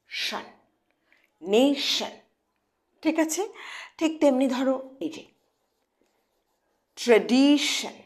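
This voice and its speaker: High, lively woman teaching pronunciation. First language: Bengali. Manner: asks questions and answers them, coaxing. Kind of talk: online lesson, explaining to students.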